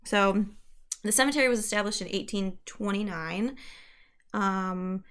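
Speaking a little slowly, this young podcast co-host has a smooth, slightly bright, medium-pitched voice. She chats casually about ghost stories, full of fillers and self-corrections, restarting often and laughing at herself.

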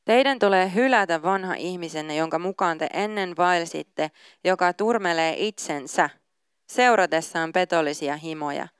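A woman pastor preaching a sermon in a lowish, very smooth and clear voice. She reads scripture aloud and then shifts into casual, informal talk. The sound is dry and close, with no room echo. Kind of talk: sermon with Bible reading.

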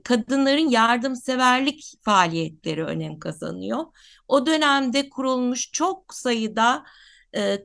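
A woman co-host with a hoarse voice, explaining in a halting, academic way in unscripted talk. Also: mid-range voice, fairly bright tone. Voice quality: slightly hoarse. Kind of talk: unscripted radio-style talk.

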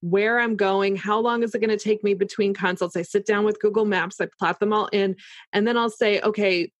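A woman's voice: mid-range voice, steady tone, fairly quick, dry recording. A woman in casual, explanatory conversation, talking through examples as if voicing her own thoughts.

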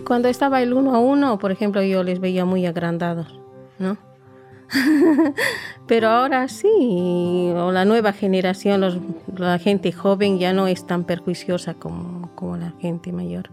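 Gravelly woman in her forties. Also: medium pitch, soft background music. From Bolivia. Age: 40s. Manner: soft-spoken, reflective, halting with fillers. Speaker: interviewee. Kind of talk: personal storytelling interview.

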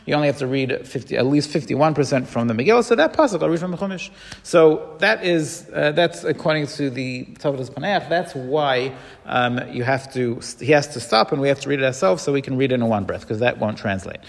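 A man's voice: medium pitch, expressive, a little fast, vocal fry, big-room sound. A man giving a casual halachic lecture, explaining step by step with ums and restarts. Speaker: Torah teacher.

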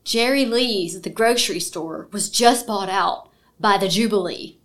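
A woman from Mississippi co-hosting a podcast in casual chat over drinks, playful and quick to laugh. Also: mid-range voice, fairly bright tone. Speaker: podcast co-host.

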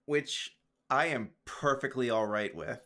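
A man's voice: mid-range voice, measured pace, pushed and bright. Easygoing male podcast co-host. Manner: easygoing, dry asides, laughs often. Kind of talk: casual chat recapping a show.

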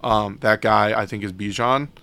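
A man's voice: lowish voice, fairly even intonation, normal speed, creaky, pushed and bright, no room sound. A man co-hosting a sports podcast, talking casually and loosely with many fillers and restarts. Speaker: podcast co-host.

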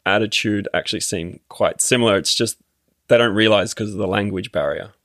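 A man's voice: lowish voice, brisk, fairly bright tone, no echo, clean studio sound. A man with an Australian accent, a podcast guest chatting casually and hesitantly, with many ums and restarts. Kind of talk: casual interview chat.

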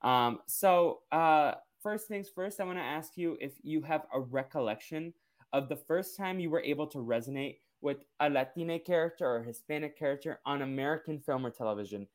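A man's voice: a little high, expressive, moderate pace. Chatty Brazilian man hosting a podcast. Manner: chatty, loose with many fillers. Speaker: podcast host. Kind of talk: casual podcast interview.

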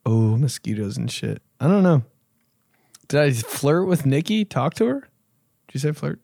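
A man's voice: mid-range voice, animated, normal speed, creaky, mellow, no room sound, clean studio sound. A young man hosting a podcast, answering listener questions in a laid-back, rambling, profane way. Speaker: podcast host. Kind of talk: casual podcast chat.

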